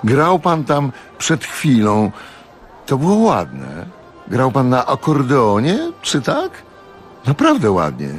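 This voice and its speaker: A man's voice: mid-range voice, huge pitch swings, slow, soft background music, voice pushed up. A man voicing a touchy, glamorous woman with a theatrical, indignant manner in a radio audiobook reading. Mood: gushing.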